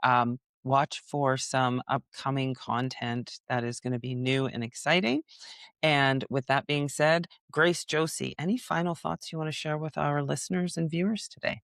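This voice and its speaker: A woman's voice: very deep voice, fairly even intonation, normal speed, no room sound, studio quality. A woman hosting a podcast, chatting in an upbeat, rambling way with lots of fillers and restarts. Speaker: podcast host. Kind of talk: casual podcast chat.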